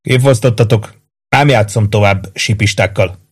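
A man's voice: lowish voice, slightly rough. A man reading an audiobook, voicing a lazy, easygoing heavyset private. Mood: resigned. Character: lazy heavyset good-natured male private. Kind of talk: audiobook character voice.

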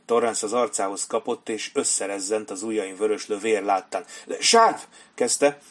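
A man reading a novel aloud as narrator in a steady, even way. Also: on the low side. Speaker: audiobook narrator. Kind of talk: scripted narration.

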